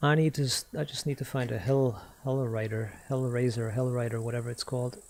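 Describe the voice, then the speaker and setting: A man's voice: mid-range voice, steady tone, fairly quick, darkish tone, slight background noise. A man streaming a game, ranting casually and defensively, repeating rhetorical questions and swearing. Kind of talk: casual ranting while playing.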